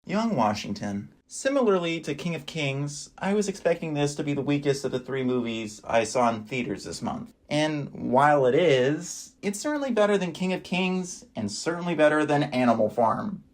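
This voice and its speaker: A man's voice: on the high side, big pitch swings, moderate pace, hardly any pauses. A man giving a casual, wry voice-over review of movies he watched, with dry asides.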